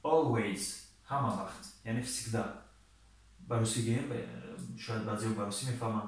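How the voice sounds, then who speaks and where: A man gives an online English lesson, reading each sentence out slowly and carefully before he explains it. His voice sits some way back from the mic. The room around him rings with a strong echo. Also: lowish voice. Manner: slow, deliberate reading of English sentences, then translating. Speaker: English teacher. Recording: echoey room, voice far from mic.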